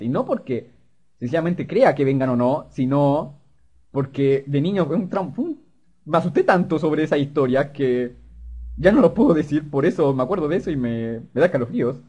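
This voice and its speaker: A young man talking over a horror game, his voice a touch high and husky. His pitch jumps around a lot, and he swears casually and jokes as he reads the lines. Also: darkish tone. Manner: swearing, joking, reading dialogue aloud. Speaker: gamer. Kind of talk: let's play commentary.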